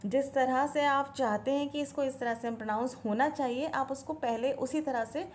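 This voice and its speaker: A woman's voice: high-pitched, fairly even intonation, normal speed, darkish tone, a little hiss or hum. A woman hosting a home-teaching video who patiently explains spelling methods for children, mixing Hindi and English and spelling words out letter by letter. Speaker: parenting channel host teaching spelling methods.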